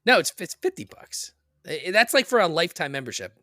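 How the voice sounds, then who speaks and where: A man's voice: a little high, fast talker, dry recording, studio quality. A man co-hosting a podcast in casual chat, talking loosely with lots of "like" and "dude". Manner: excited, laid-back, lots of "like" and "dude". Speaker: podcast co-host.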